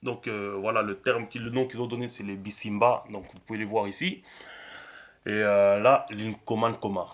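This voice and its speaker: Relaxed man teaching, lowish voice. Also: normal speed. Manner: relaxed, thinking aloud with many fillers. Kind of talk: screen tutorial.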